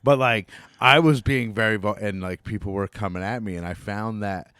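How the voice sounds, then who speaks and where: A laid-back American man hosts a casual podcast chat, his voice on the low side. He laughs easily and leans on "like" and "you know" as he talks. The recording is dry, with no room sound. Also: moderate pace, fairly bright tone, clean tone, dry recording. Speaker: podcast host.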